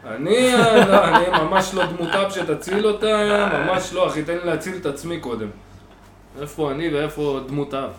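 A man, co-hosting a podcast, talking loudly and telling stories in casual banter. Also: on the high side, echoey room, a crowd in the background. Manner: loud, animated storytelling. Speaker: podcast co-host.

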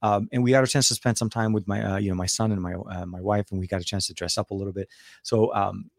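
Low, slightly coarse man chatting on livestream. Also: steady tone, fast, creaky, no echo, clean studio sound. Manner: rambling, repeats and rephrases words. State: voice worn from a night out. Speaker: tech reviewer and livestream host. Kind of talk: casual livestream chat with viewers.

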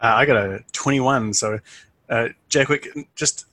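A man's voice: medium pitch, a little slow, bright, forceful tone. A man chatting casually as a player in a tabletop game.

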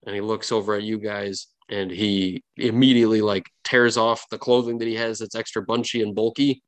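A man's voice: on the low side, level tone, a little fast, no echo. A man running a tabletop game as game master, improvising dramatic narration with casual asides.

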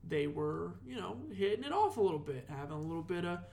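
Animated young man telling a story. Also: sits high, quick pace, creaky, slight background noise. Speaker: podcast host. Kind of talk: casual chat. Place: apartment room.

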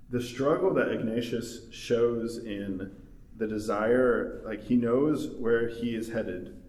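Picked up by a distant mic in a roomy space with faint noise, this thirties-aged study group member has a voice on the low side and a little mellow. He chats casually in the group discussion, rambling and laughing with plenty of fillers.

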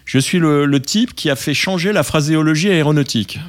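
A man with a fairly high voice speaks fairly quickly, telling a casual anecdote from his flying days. He's hesitant, full of fillers and restarts, and acts out radio calls in English.

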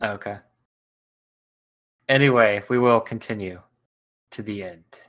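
A man's voice: lowish voice, slow, a bit bright. A man hosting a podcast, chatting and joking casually about a story. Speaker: podcast host.

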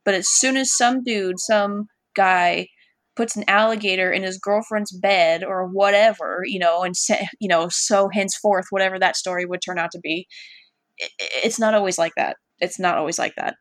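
A woman's voice: medium pitch, moderate pace, no echo, clean studio sound. A woman from Washington State in a casual chat with a friend, blunt and swearing freely, laughing often. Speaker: friend chatting.

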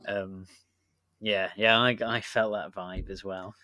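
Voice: deep voice, fairly even intonation, slow pace, sharp tone, no room sound, studio quality. A co-host in casual chat, talking enthusiastically with frequent laughs and restarts. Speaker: podcast co-host.

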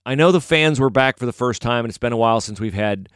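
A man's voice: mid-range voice, fast talker, a bit bright, clean tone, dry recording, studio quality. A middle-aged man giving casual, opinionated solo sports commentary, rambling and correcting himself as he goes.

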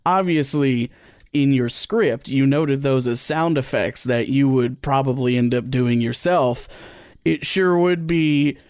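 A man's voice: mid-range voice, a little slow, a little mellow, smooth, no echo, studio quality. A man hosting and editing a podcast, giving casual behind-the-scenes commentary in a wry, playful way. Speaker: podcast host and editor.

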